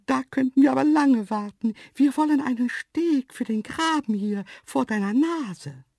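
A storyteller voicing two cheeky, teasing invisible antelopes in a high, sly, whispery voice. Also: moderate pace, gravelly, a little mellow, no room sound, clean studio sound. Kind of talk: audiobook storytelling.

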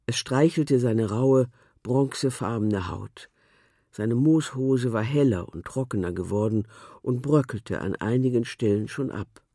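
A narrator reading a children's storybook aloud in a gentle, expressive way. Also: medium pitch, unhurried, no room sound, clean studio sound.

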